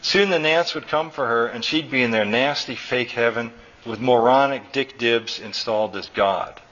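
A man's voice: medium pitch, moderate pace, a bit bright. Man reading fiction, muffled recording. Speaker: author reading his story. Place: college reading event. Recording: dull lo-fi live recording.

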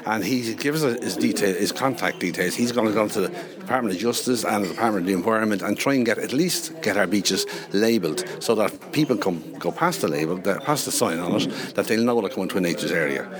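A man's voice: on the low side, expressive, fast talker, hardly any pauses. A man talks informally as an event organiser, repeating words and adding tag questions. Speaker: congress organiser. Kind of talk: informal interview talk. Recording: loud crowd chatter behind.

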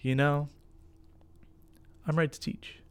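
A man's voice: on the high side, flat delivery, a little slow, smooth. Playful rambling man co-hosting a podcast. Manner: playful, rambling, fumbles words. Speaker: podcast co-host. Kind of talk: casual chat.

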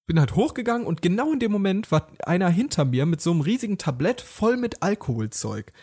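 A man's voice: high-pitched, very animated, fast talker, darkish tone, slightly rough. A man co-hosting a casual chat, telling a rambling, self-mocking story and acting out quotes. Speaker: podcast co-host.

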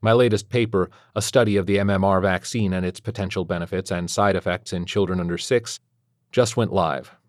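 A deep-voiced man narrates a first-person story, measured and wry with a quiet tension underneath. The sound is close and dry, with no room around it. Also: fairly even intonation, dry recording. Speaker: audiobook narrator.

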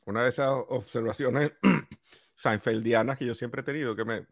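A man with a Venezuelan accent in a casual podcast chat, measured and explanatory. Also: medium pitch, no room sound, studio quality.

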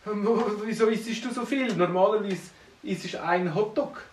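A man's voice: sits high, measured pace, pitched above the performer's own voice. A man doing a worried young friend, Swiss German. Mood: concerned. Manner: concerned, questioning. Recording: roomy, distant from mic.

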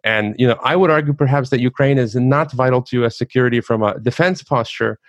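A man hosts an interview, his voice mid-pitched and recorded dry with no room sound. He winds through a long setup, with fillers along the way, before he finally asks his question. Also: quick pace, no echo. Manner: long wind-up before asking.

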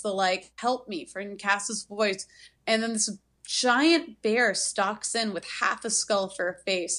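A woman casually recapping a horror film on a podcast, rambling with lots of fillers. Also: on the high side. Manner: rambling, filler-heavy, animated retelling. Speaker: podcast co-host.

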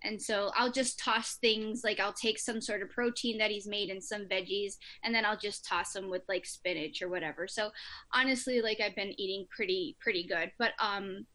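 A woman's voice: medium pitch, normal speed. A woman from northern Mexico, co-hosting a casual chat, talking at length and laughing often. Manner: chatty, laughs often, animated asides. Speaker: co-host.

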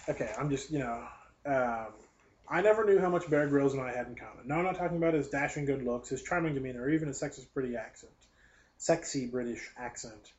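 A young man hosting a podcast, reading a college newspaper aloud and sarcastically picking it apart, rambling off on tangents. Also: mid-range voice. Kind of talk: casual live commentary. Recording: dull lo-fi recording.

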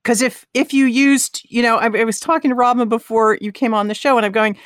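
A woman's voice: a little high, steady tone, brisk, clean tone, no echo, studio quality. A woman co-hosting a podcast, chatty and reassuring as she talks. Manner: chatty, reassuring, laughs often. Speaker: podcast co-host. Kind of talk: casual podcast conversation.

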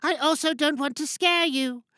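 A high, childlike little girl piglet from a cartoon, acted out by a man. The delivery is simple and earnest, like a small child telling something, and the recording is close and dry. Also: normal speed, pushed and bright, dry recording. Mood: wistful, confiding. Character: Peppa Pig, young girl cartoon piglet. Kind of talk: dramatic monologue reading in character.

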